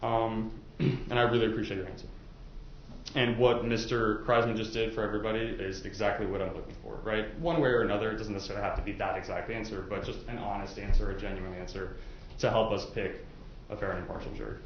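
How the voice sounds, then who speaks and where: A man with a fairly low voice speaks quickly and with fairly even intonation as a lawyer questioning jurors in an indoor courtroom. He is polite and conversational, with some hesitant phrasing. The audio is echoey and dull, with faint noise.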